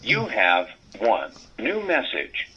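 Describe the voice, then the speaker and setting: A man's voice: on the low side, wildly swooping pitch, slow pace, a little hiss or hum. A male automated voice announcing messages on a landline answering machine. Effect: answering machine prompt over a landline phone. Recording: dull lo-fi phone speaker.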